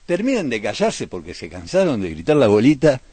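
Low-voiced Argentine radio host, playful. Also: male voice, huge pitch swings, brisk, darkish tone, breathy edge, dry recording. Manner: playful, chanting bits of crowd songs in his stories. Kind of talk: casual chat.

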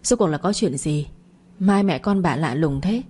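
A woman's voice: low voice, animated, normal speed, dark tone, a little hiss or hum. A woman voicing a puzzled older father asking what is going on in an audio story.

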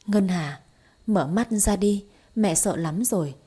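A woman's voice: medium pitch, takes it slowly, dark tone, breathy edge. A woman reading as a pleading, grieving mother. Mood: begging. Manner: pleading, tearful. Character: grieving middle-aged mother, pleading at a hospital bedside.

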